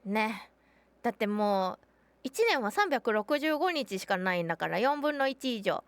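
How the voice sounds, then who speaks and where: Kansai-accented woman streamer with a high, bouncy voice that swings widely, chatty and exclamatory. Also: sing-song, a little slow, dry recording. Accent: Kansai Japanese. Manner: chatty, exclaims often, thanks viewers warmly. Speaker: game streamer. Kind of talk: casual live-stream chat while playing.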